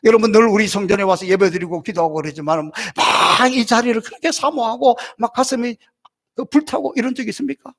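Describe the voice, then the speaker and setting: A middle-aged male pastor preaching a passionate sermon, swinging from loud cries to soft, gentle murmurs. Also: high-pitched, fairly quick. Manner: acts out God's reassuring words gently.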